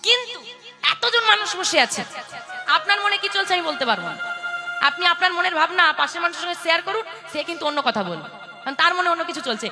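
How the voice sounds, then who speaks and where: A woman's voice: very high voice, sing-song, fast. A woman giving a playful devotional sermon to a seated audience, teasing listeners and calling them to chant along. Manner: playful, teasing the audience, calls for call-and-response. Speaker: kirtan preacher. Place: religious gathering before a seated audience. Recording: loud live music behind the voice. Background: devotional music.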